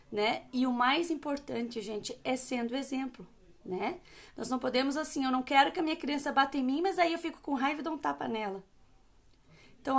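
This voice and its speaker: A Brazilian woman hosting a live Q&A, giving calm, firm parenting advice and often checking in with "né?" and "tá?". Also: sits high. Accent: Brazilian Portuguese. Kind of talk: casual advice talk to an audience.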